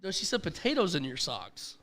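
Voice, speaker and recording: Man, congested, podcast co-host, teasing quips, lively high voice. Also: a little fast. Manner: teasing, quips and reads out listener comments. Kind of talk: casual live radio banter.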